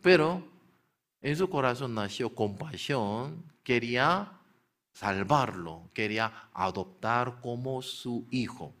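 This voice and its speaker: A man's voice: medium pitch, slow. A man preaching a storytelling sermon who keeps asking his listeners questions and then answering them himself. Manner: animated retelling, slips into character voices.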